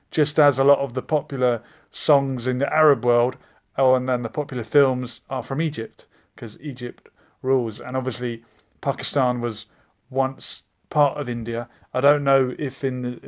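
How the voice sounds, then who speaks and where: A man hosting a casual live stream, reading out viewer comments and chatting in a meandering way with frequent hesitations. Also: a little high.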